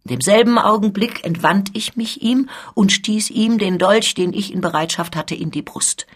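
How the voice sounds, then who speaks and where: A woman reading the part of a proud, soldierly male count who is a guard colonel, in a measured, emphatic manner. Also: mid-range voice, breathy edge, natural voice.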